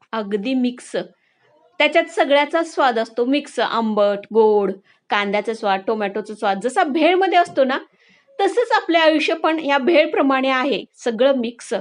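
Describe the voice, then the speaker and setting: A woman's voice: sits high, expressive, normal speed. A woman vlogger talking to her women friends, telling a moral story in a casual, conversational way. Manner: warm, conversational, addresses listeners directly.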